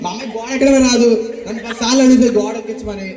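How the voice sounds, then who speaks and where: A man's voice: very high voice, racing, darkish tone. A man playing a blustering, self-important village president in a church skit, bossy and chuckling as he talks. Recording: roomy hall with a faint crowd.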